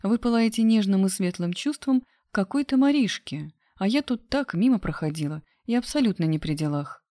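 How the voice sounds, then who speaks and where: A woman reading aloud, voicing a sharp-tongued young woman who teases and mocks calmly. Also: mid-range voice, brisk, few pauses, dry recording, studio quality, pitched above the performer's own voice, close to an everyday voice. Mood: cool mocking. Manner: mocking, cool and cheeky. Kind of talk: audiobook character voice.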